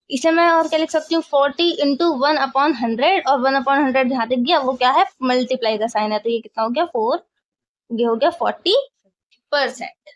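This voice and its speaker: A woman teaching a maths lesson, explaining step by step and often asking if the class follows. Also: sits high.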